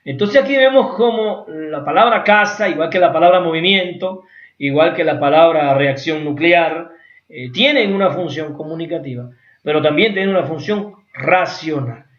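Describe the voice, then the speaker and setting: A man lectures in an explanatory way, often checking in with his listeners. His voice sits fairly high. The recording is roomy and somewhat muffled. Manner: explanatory, with rhetorical asides and acted examples. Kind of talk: academic lecture. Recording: echoey room, dull lo-fi sound.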